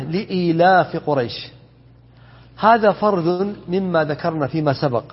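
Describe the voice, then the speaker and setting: A husky man teaches a lesson on Quran commentary. He explains step by step, asks his students questions and corrects himself mid-word. His voice rings through a large hall on a dull, lo-fi recording. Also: on the high side. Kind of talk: classroom tafsir lesson. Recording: dull lo-fi sound with long hall reverb.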